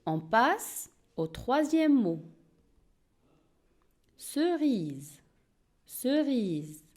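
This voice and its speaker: Woman teacher doing a reading lesson, super slow, says every word twice, bit high and mellow. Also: big pitch swings. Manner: slow, clear, repeats words for pupils to echo. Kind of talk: early-reading lesson for young learners.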